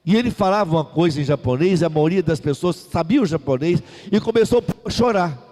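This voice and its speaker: Brazilian guy preaching a sermon, high-pitched, keeps calling for the crowd to repeat, long echo like a big hall. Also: animated, brisk, a little mellow. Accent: Brazilian Portuguese. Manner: emphatic, repetitive call-and-response preaching.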